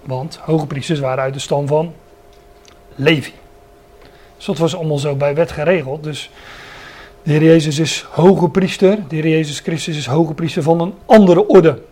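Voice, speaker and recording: Male preacher, earnest verse-by-verse teacher, somewhat raised pitch. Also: normal speed, mellow. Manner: earnest, stresses key words, many restarts. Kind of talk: Bible teaching sermon.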